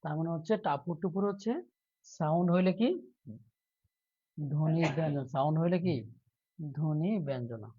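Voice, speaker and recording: A man's voice: a little high, normal speed, long pauses, breathy edge, highs cut off. A male teacher giving a live online lesson, quizzing his students by repeating questions and urging them to answer. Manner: playful, acts out a mock plea before teaching, quizzes students with repeated questions.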